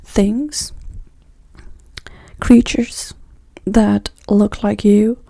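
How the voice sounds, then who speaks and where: A woman voicing a cruel, mocking devil in Hell in an ASMR role-play, with a demonic, taunting soft voice. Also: medium pitch, little pitch movement, creaky, no room sound, clean studio sound, full character voice. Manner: demonic soft voice, slow, taunting, foul-mouthed.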